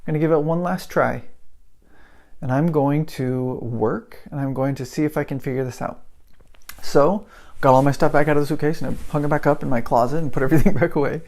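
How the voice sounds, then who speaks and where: Middle-aged guy teaching english, gravelly voice, rambling story full of restarts. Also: medium pitch, steady tone, a little fast, darkish tone. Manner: chatty, many restarts and fillers, acts out his own past thoughts. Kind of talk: casual storytelling lesson.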